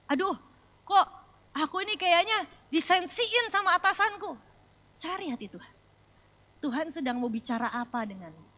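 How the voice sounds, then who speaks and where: A young adult woman pastor preaching a sermon, telling stories with lively swings between loud exclamations and soft reflective lines. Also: sits high.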